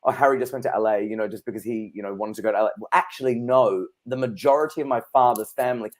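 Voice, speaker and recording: A chatty man in his thirties, appearing as a psychic guest in a casual interview, talks fast in a medium-pitched voice. He tells anecdotes and laughs easily.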